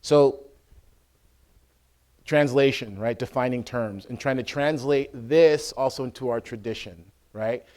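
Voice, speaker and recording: A man, an Orthodox priest, teaching in a conversational way, often checking that listeners follow and acting out scenes loudly. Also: mid-range voice, measured pace. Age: adult with a school-age son. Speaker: Orthodox priest giving a talk.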